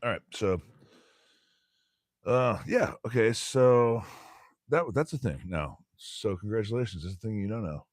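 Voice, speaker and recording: Deep-voiced man rambling through a reading. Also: animated, measured pace, pauses often, no echo, clean studio sound. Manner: rambling, laughs often, swears, stumbles over words. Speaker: host reading a bird textbook. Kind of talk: reading aloud with casual commentary.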